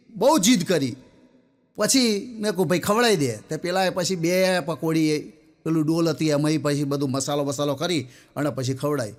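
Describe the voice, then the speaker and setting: A man telling a string of comic jokes in a chatty storytelling way, often turning to address his listeners directly. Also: on the high side. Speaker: stand-up comedian. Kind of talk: Gujarati folk joke telling.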